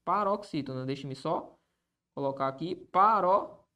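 A man's voice: high-pitched, animated, brisk, a bit bright. Brief: male Portuguese teacher, exam-prep lesson, quizzes himself and keeps checking in with the class. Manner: asks and answers his own questions, constant "certo?" and "massa" check-ins.

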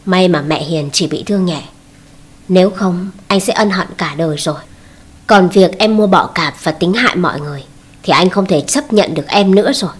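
A woman's voice: fairly low pitch, moderate pace, breathy edge. A woman reading as a cold, stern husband. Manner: cold, firm. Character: stern, cold husband ending his marriage.

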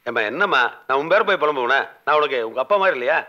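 Brief: a man as a fast-talking flustered middle-aged boss, bright voice, dull old film sound. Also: on the high side, animated, natural voice. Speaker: company boss. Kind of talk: comic film dialogue.

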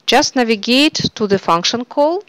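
A woman narrating a software screencast tutorial in a steady instructional way. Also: on the high side, normal speed, dry recording, low-quality recording.

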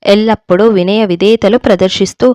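Woman reading as a defiant young daughter-in-law, heated, smooth clear voice. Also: medium pitch, steady tone, brisk, darkish tone, dry recording, natural voice.

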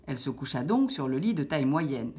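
A woman reading a children's fairy tale aloud with expressive storytelling. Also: a bass voice, brisk.

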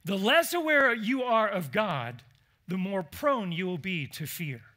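Bright, animated male preacher. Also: high voice, a little slow. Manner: animated, conversational preaching with questions to the congregation. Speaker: pastor. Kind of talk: sermon. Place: church.

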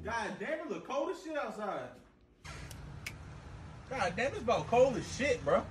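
A man's voice: extremely high pitch, very animated, unhurried. A man complaining casually with lots of cursing in a comedy skit. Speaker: comedy creator.

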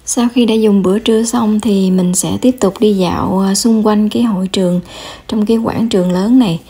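A woman narrating a family travel vlog in voice-over, pausing often with fillers as she goes. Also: medium pitch, steady tone, mellow, breathy edge. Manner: hesitant, many filler pauses. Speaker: travel vlogger.

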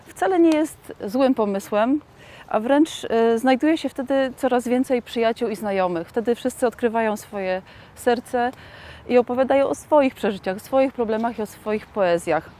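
A woman in her thirties talking reflectively about personal experience, in a halting, hesitant way. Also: a little high, warm tone. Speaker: debut poet and author. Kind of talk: personal reflective interview talk.

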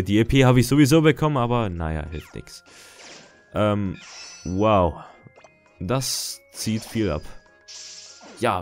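A young man giving casual, chatty gameplay commentary, muttering and reacting as he plays. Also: mid-range voice. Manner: chatty, excitable, mutters to himself. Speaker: gaming let's-player.

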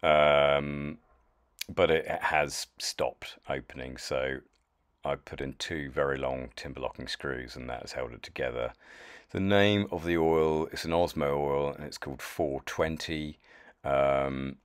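A man with a British accent narrating his woodcarving project in a casual voice-over, hesitant with many pauses and restarts. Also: rumbling low, clean tone. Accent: British English. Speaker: chainsaw wood carver.

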